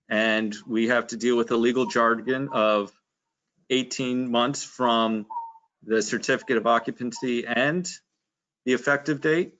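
A man with a medium-pitched voice speaks through a face mask at a public meeting. He reasons aloud in a deliberate way, posing questions as the chair. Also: fairly bright tone, muffled recording. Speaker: mayor chairing a commission meeting.

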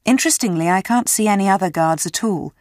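A woman's voice: medium pitch, quick pace, a little mellow, dry recording, clean studio sound. A woman describing a picture in a methodical, matter-of-fact way.

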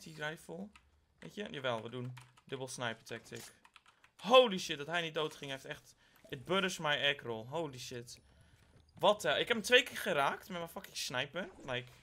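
A man from the Netherlands giving live gameplay commentary. He is excitable, swears a lot and mixes English slang into his talk, and his voice jumps to high shrieks when he panics. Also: a little hiss or hum. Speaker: gaming YouTuber.

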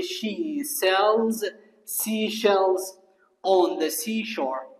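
Male teacher, echoey room. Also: high-pitched. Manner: explains in Arabic, reading English phrases slowly. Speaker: English teacher. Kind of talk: recorded classroom lesson explanation. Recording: long reverberant room echo.

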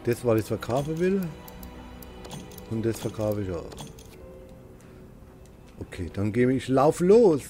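A man playing a co-op video game, chatting casually with his partner and shouting excitedly at the monster. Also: fairly low pitch, measured pace, long pauses, faint music behind. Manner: talks to himself and partner, excitable outbursts, cursing at the monster. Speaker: gamer playing co-op. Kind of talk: casual gaming commentary.

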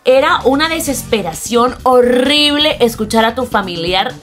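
A young woman co-hosting a storytime video, telling the story in a lively way and acting out the quoted voices. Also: on the high side, normal speed, music in the background. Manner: animated, acts out quoted voices. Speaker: vlog co-host. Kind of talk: storytime chat.

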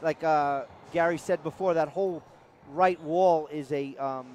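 A man with a New York accent calls the action as a sports commentator. His voice sits fairly high, and he talks in an easygoing, chatty way while breaking down each play. A clear layer of noise runs under the recording. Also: steady tone, a little slow, darkish tone. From New York area. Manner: chatty, laughing easily, explaining plays.

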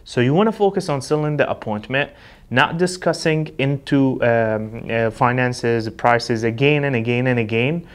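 The man's voice is mid-range and smooth, moving at a moderate pace. He gives an emphatic lesson on sales, mixing instruction with acted example conversations, and is recorded in an indoor studio with a backdrop.

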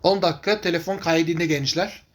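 A man giving informal vlog commentary on his videos in a rambling, repetitive, halting way. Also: on the high side, fairly even intonation. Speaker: video channel host.

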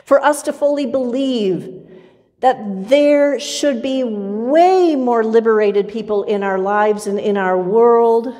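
A middle-aged woman pastor preaching a sermon from a pulpit in a church, in a measured, rhythmic style with much repetition. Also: on the high side. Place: church sanctuary with pipe organ, far camera. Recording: long church reverb.

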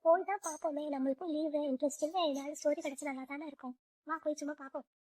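A woman's voice: sits high, steady tone, racing, darkish tone, natural voice. A woman voicing a protective older sister figure who reassures the younger girls. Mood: curious. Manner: reassuring, motherly. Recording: dull lo-fi sound.

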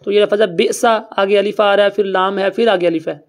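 A patient recitation teacher leads a classroom lesson in a middle-pitched voice. The teacher explains each rule step by step in a plain, conversational way. Students are kept busy answering and repeating the teacher's questions back. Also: steady tone. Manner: patient, quizzes students and has them repeat. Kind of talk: classroom lesson with call-and-response.

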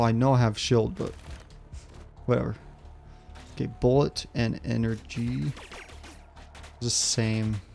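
A man's voice: medium pitch, gravelly, a little mellow. A man streaming a video game, thinking aloud and muttering to himself as he plays. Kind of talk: casual gameplay commentary.

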